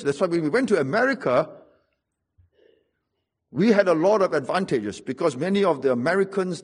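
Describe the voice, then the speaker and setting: Delivering a sermon in a Singaporean English accent, a middle-aged preacher weaves dry humor through his stories. For a man, his voice is slightly high, with a husky, somewhat rough grain. He hammers his points home by repeating them emphatically.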